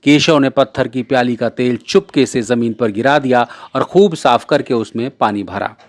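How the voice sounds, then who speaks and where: A man's voice: mid-range voice, normal speed, no echo. Man reading a storybook aloud. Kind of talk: storybook narration.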